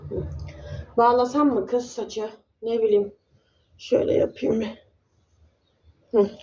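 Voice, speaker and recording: A woman's voice: fairly high pitch, fairly even intonation, takes it slowly, a little mellow, dull audio, slight background noise. A woman chatting casually in a vlog, affectionately calling her viewers dear ones. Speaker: vlogger.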